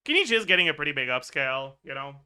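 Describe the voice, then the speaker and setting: Bright-voiced swearing game streamer man. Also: fairly high pitch, sing-song, very fast, clean tone. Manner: casual, swears, laughs, thinks aloud. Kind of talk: livestream game chat.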